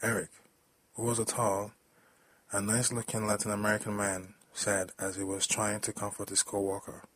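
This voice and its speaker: A man reading a story aloud in a plain, steady storytelling manner. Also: on the low side, normal speed, no room sound, poor audio. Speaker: story narrator.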